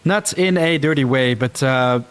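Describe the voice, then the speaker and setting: A man from the Netherlands with a Dutch-Flemish accent casually chats while livestreaming a game, reacting to the action and reading viewer comments aloud. His medium-pitched voice is clean and unhurried, with soft music in the background.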